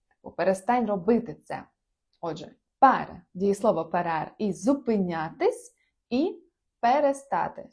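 A woman's voice: mid-range voice, a little mellow, husky. A woman teaching a live-streamed language lesson in a chatty way, checking often that her viewers follow. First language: Ukrainian. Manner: chatty, repeats "так?" to check understanding.

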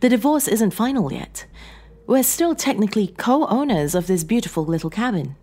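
A woman voicing a soft-spoken, eerily calm estranged wife in a horror story, sweetly menacing. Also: mid-range voice, moderate pace, voice pushed up, lightly acted.

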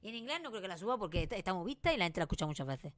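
A woman in her late twenties from Spain with a Granada Spanish accent, rambling excitedly in a casual vlog and restarting her sentences often. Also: mid-range voice, racing. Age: late 20s. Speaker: YouTuber.

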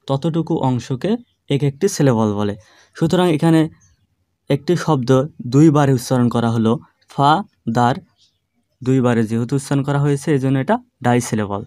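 Male tutor, mid-pitched, patient, explanatory, stretches words into syllables, dry close mic. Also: warm tone, dry recording. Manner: slow, drawn-out syllable-by-syllable demonstrations; patient, explanatory classroom delivery. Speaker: English grammar teacher. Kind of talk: online grammar lesson.

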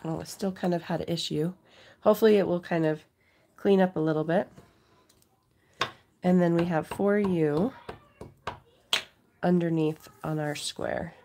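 Low-pitched, creaky-voiced woman with a cold. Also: fairly even intonation, a little slow, long pauses, dark tone, slight background noise. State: has a cold, occasional cough. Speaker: craft tutorial host. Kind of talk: casual craft demonstration to viewers. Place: indoors at a home craft table.

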